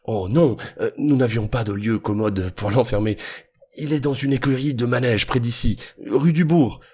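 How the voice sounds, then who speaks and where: A man's voice: medium pitch, normal speed, a little mellow, husky, pitched above the performer's own voice, natural voice. A man reading an audiobook, voicing a sly, assured male detective with a cordial, persuasive manner.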